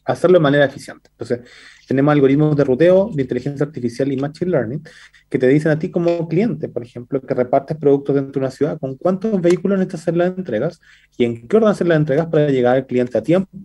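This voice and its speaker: A young Chilean man, the startup CEO guest in a business interview held by video call from an indoor room, speaks quickly and fluently in Chilean Spanish, linking his points with many fillers like "entonces" and "eh". His voice is dark, mellow, and husky.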